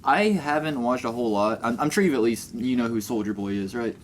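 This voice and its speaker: A man's voice: mid-range voice, brisk, slight background noise. A man co-hosting a podcast in casual chat, swearing freely and speeding up when explaining. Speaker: co-host.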